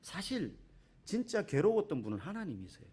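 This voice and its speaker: A man's voice: a little high, very animated, brisk, darkish tone. A man preaching a sermon as a pastor in a church, talking in a conversational way, asking the congregation questions and acting out quotes.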